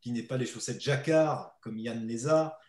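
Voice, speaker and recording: A man's voice: medium pitch, normal speed. A man with a southern French accent, a co-author teasing his partner while presenting a book at a public talk. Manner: teasing, animated storyteller. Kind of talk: playful talk at a book event. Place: talk venue with audience. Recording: roomy echo.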